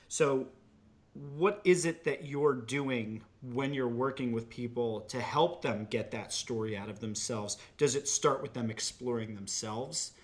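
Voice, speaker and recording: A man hosting a conversational interview in a reflective, wordy way, with clicking from note-taking in the background. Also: medium pitch. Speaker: interviewer and host.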